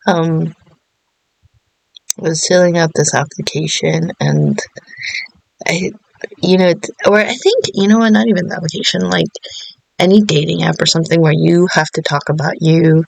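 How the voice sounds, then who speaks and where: Woman, thirties, casual vlogger; gravelly texture, meandering delivery, dry recording. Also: low-pitched, dry recording, low-quality recording. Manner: meandering, many fillers and self-interruptions, laughs often. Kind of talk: casual rambling monologue.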